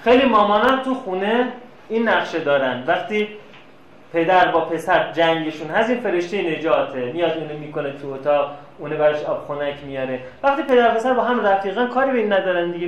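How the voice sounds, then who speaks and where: Man lecturing lively in an echoey room. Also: on the high side. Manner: lively storyteller, plays out quoted dialogue. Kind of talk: classroom lecture with anecdotes. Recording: echoey room, faint noise.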